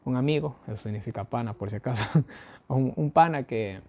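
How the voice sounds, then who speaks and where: A man's voice: mid-range voice, normal speed, mellow, slight background noise. A man with an Ecuadorian accent teaching a daily Bible study, posing rhetorical questions and answering them himself in a folksy way, with everyday examples.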